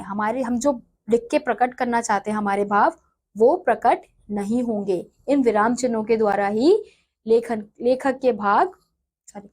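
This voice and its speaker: A woman teacher reading from a textbook and then explaining it in her own words, often going back to repeat or correct herself. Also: a little high. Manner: self-correcting, repeats phrases.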